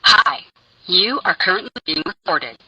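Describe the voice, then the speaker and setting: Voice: mid-range voice, sing-song, measured pace, vocal fry, very noisy. Automated doorbell speaker voice. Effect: automated doorbell speaker message. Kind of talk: recorded warning announcement.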